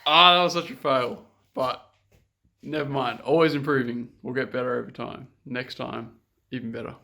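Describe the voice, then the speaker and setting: Talking straight to his viewers in a casual vlog, a native English-speaking man describes learning a new language in an upbeat, self-deprecating way. His voice is medium-pitched and steady at a moderate pace, gravelly yet bright and forceful.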